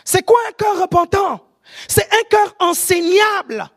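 A preacher with an African French accent gives a sermon, often shouting and checking whether the audience is following. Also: extremely high pitch, unhurried. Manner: animated, often shouting, keeps asking the audience if they follow.

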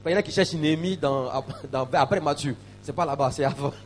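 A male pastor preaching a sermon, often repeating and stumbling over words, swinging between quiet explanation and loud calls to the congregation. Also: fairly high pitch, fast, in a large hall, a little hiss or hum. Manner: preaching with call-and-response to the congregation, rising to shouts.

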